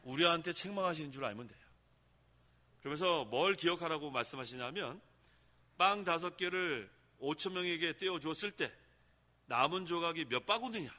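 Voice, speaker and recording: Man preaching with a bright, high voice. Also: expressive, normal speed. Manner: asks the congregation questions and repeats key phrases. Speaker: pastor. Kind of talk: sermon. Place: church sanctuary. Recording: echoey church hall.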